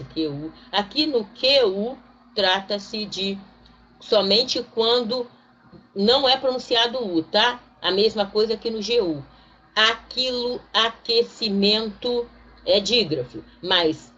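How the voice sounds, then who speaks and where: A woman teacher, giving a recorded online grammar lesson, slowing down to spell out example words one by one and checking in with her pupils. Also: mid-range voice, fairly bright tone. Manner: explains step by step, checking in with "tá?" and "né?". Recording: dull lo-fi recording, faint noise.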